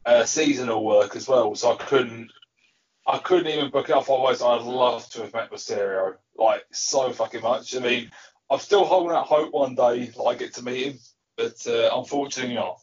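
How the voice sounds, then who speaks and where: A man's voice: medium pitch, moderate pace, lo-fi sound. A man with a British accent telling a rambling, stop-start story in casual podcast chat. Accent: British English. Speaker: podcast co-host.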